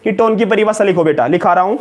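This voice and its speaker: Male chemistry lecturer with a Rajasthani Hindi accent and a high voice. Loud, emphatic, drills each point by repeating questions to the students. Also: fast talker. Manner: repeats questions to students, calls them beta and janab. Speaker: chemistry teacher. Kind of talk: live online lecture in Hindi.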